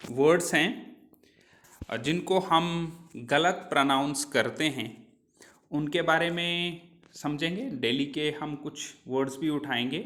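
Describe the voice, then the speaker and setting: A male English teacher, giving a classroom pronunciation lesson, asking his own questions and repeating words slowly. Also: medium pitch, fairly bright tone. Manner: speaks Hindi mixed with English words.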